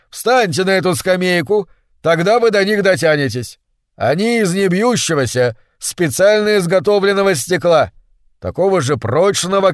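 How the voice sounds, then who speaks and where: A man voicing a dignified hermit who has lived by a waterfall for decades, speaking loudly, almost shouting. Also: mid-range voice, no echo, studio quality, lightly acted. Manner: loud, near-shouting delivery.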